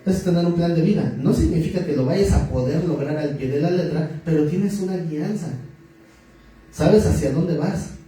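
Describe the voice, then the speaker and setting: A man's voice: fairly high pitch, normal speed, mellow. A male pastor, preaching a sermon in a conversational, joking way and asking the audience questions. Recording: very echoey hall, far from the mic, faint noise.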